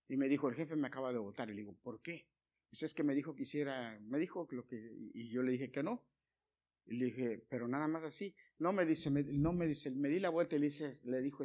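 A man preaching a sermon to his congregation, moving from loud, emphatic appeals to quiet, hushed storytelling. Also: medium pitch. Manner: addresses listeners as brothers.

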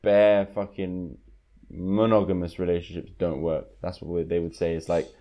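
A man's voice: sits low, flat delivery, moderate pace, muffled recording. A young man with a London roadman accent, debating casually and in slang as a podcast co-host. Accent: London, urban street slang. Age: young adult. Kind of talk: casual debate among friends.

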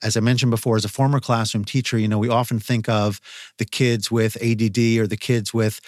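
A man hosting a podcast, asking long questions in a measured, thoughtful way. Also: lowish voice, level tone, no room sound, clean studio sound. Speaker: podcast host. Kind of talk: podcast interview.

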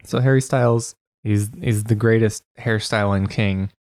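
A young man co-hosting a comedy podcast, cracking absurd jokes in a dry, deadpan way. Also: on the low side, normal speed, no echo. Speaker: podcast co-host. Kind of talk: casual comedic chat.

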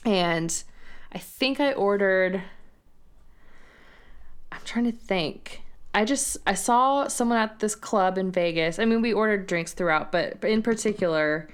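Smooth-voiced young woman, relaxed chat. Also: mid-range voice, a little slow. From San Antonio, Texas. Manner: relaxed, rambling, giggles often. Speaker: podcast co-host. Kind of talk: casual chat.

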